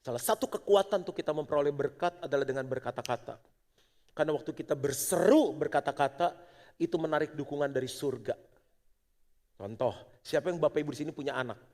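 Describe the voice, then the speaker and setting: Pastor guy w preaching in a church, kinda high voice, big echoey hall. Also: quick pace. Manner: animated preaching, shifts between loud exhortation and hushed prayer. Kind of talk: sermon. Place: church auditorium. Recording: long church hall reverb.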